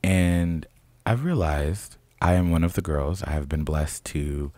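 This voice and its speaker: A young adult man from Chicago co-hosting a podcast in casual chat, telling stories with animation and leaping into a high voice when acting out quotes. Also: measured pace, mellow, no room sound. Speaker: podcast co-host.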